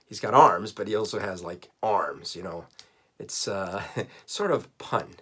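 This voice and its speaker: A man's voice: deep voice, expressive, a little slow, a bit bright, slightly rough. A man in his forties from Colombia, telling a casual, rambling story to camera with self-mocking jokes and frequent laughs. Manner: chatty, self-mocking, laughs often while talking. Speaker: vlogger.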